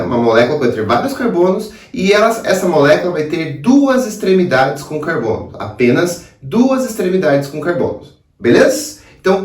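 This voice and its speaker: A man's voice: on the high side, darkish tone. A man with a Brazilian Portuguese accent teaching a chemistry lesson, asking himself questions and answering them. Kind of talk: video lesson explaining at a board. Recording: roomy sound, voice a bit far from the mic.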